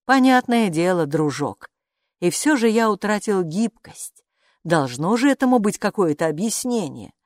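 A woman voicing a magical talking bathrobe, a calm male know-it-all who speaks in an unhurried, patronizing way in a storybook. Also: mid-range voice, no echo, studio quality, natural voice. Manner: unhurried, patronizing, calls her "friend".

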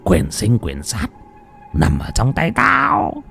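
A man voicing a lecherous old village chief with a gruff, slurred, wheezing voice. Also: on the low side, huge pitch swings, slow pace, bright, forceful tone, faint music behind, exaggerated voice. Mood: menacing.

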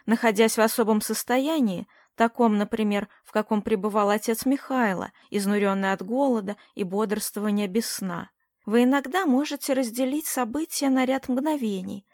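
A woman narrating a novel as an audiobook, in a measured, even way. Her voice sits fairly high. The recording is dry and close, with no room sound. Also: no echo.

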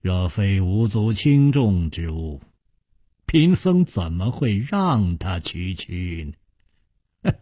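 A storyteller putting on a sly, soft-spoken young monk. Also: male voice, sing-song, breathy edge, dry recording, clean studio sound, heavily acted. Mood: teasing. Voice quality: soft, low and measured.

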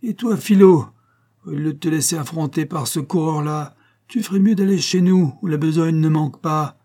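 A man doing a gruff, stubborn old father. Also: medium pitch, normal speed, dark tone, pitched above the performer's own voice, natural voice. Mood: angry scolding. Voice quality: rough, growling. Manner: scolding, curt and domineering.

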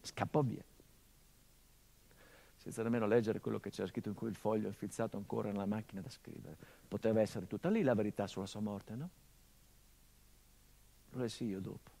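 A male actor performs a theatrical monologue as a son remembering his father, beginning measured and intimate before swelling into urgency. His voice is fairly low, creaky, and dark.

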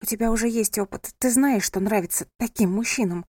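A woman voicing a panicky, dramatic young bride who wails and complains in a high, loud voice. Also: brisk, no room sound, studio quality, close to an everyday voice. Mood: panicked. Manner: hysterical, wailing.

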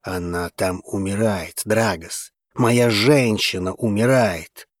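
A man's voice: lively intonation, unhurried, darkish tone, slightly rough, dry recording, studio quality. A man doing a desperate, devoted alien husband. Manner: low, strained, desperate. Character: frantic male alien husband, fierce and devoted.

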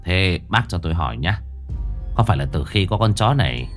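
Một người đàn ông kể chuyện đóng vai một thầy pháp trẻ, nói giọng trầm, chắc nịch như giảng giải. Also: male voice, sits low, sing-song, brisk, soft background music. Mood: stern. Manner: authoritative, lecturing. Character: young male exorcist, calm and commanding.

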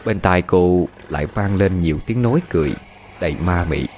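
A man giving steady, scripted narration of a ghost story. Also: low-pitched, normal speed, a little hiss or hum.

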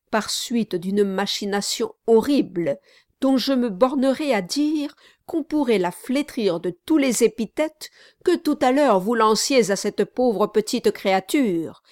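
A woman's voice: a little high, no room sound, clean studio sound. A woman voicing a formal, triumphant male notary who speaks firmly and emphatically, in an audiobook. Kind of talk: audiobook reading.

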